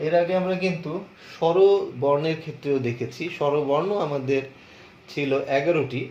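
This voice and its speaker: A man's voice: on the high side, fairly even intonation, normal speed, a little mellow. Man lecturing in an echoey room. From Bangladesh. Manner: explains step by step, asks questions and answers them himself. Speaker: college lecturer. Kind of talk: lecture on pronunciation. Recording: echoey, muffled room recording.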